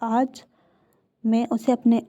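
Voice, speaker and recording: A woman voicing a strict, scolding mother of grown sons, who talks loud and stern. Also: a little high, flat delivery, slow. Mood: angry.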